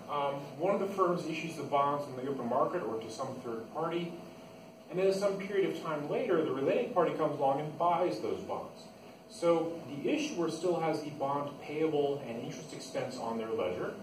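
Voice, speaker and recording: An accounting instructor teaches an informal class, walking through the material one step at a time and repeating the main ideas. His voice is a little high and animated, and he speaks at a moderate pace. The room is noisy and echoes, and the mic sits at a distance.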